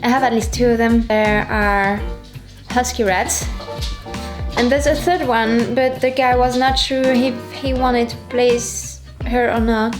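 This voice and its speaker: A woman's voice: on the high side, steady tone, measured pace, music in the background. A young adult woman, chatting casually as a vlogger. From Switzerland. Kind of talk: casual vlog chat.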